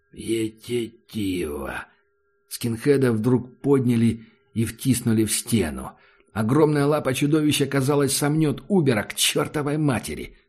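Man, audiobook narration, husky voice, mid-pitched, steady dramatic telling. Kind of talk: scripted narration.

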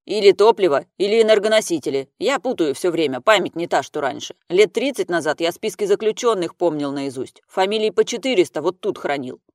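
A man's voice: high voice, lively intonation, a little fast, hardly any pauses, no room sound, clean studio sound. A man voicing a bossy older man who gives orders in a commanding tone.

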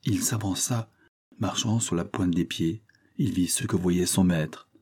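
A man reading a literary story aloud in a measured, even storytelling manner. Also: low-pitched, breathy edge. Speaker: audiobook narrator. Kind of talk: literary audiobook narration.

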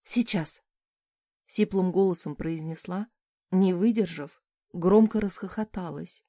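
A woman narrating a first-person audiobook in a lively, expressive reading. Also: mid-range voice, moderate pace, no room sound, studio quality.

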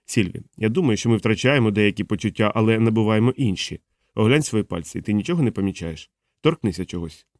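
A man's voice: fairly low pitch, lively intonation, fast talker, darkish tone, no echo, clean studio sound. A man as a thoughtful ship captain. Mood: reasoning. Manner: thoughtful, reasoning. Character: male captain, thoughtful and analytical. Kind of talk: audiobook character voice.

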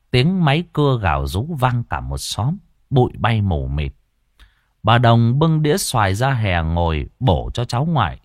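A man telling a ghost story with lively, playful swings in his voice. His tone sits fairly low and the sound is dry and close. He keeps the telling colloquial and animated. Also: no echo. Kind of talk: storytelling narration.

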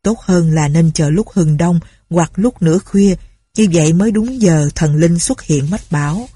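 A sly male accomplice in a storybook, plotting in clipped, conspiratorial lines, put on by a woman reader. His voice is husky and dry. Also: fairly low pitch, unhurried, warm tone, dry recording. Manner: curt, conspiratorial.

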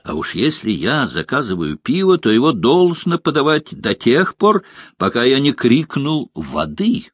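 A man's voice: mid-range voice, huge pitch swings, unhurried, slightly rough, no echo, clean studio sound, pitched above the performer's own voice, heavily acted. A man voicing a stout, greedy male halfling merchant who talks in a coarse, blustering way.

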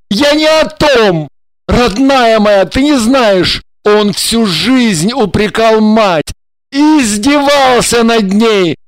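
A woman's voice: mid-range voice, no echo, poor audio. Woman doing a desperate pleading husband voice, begging, urgent, dry sound.

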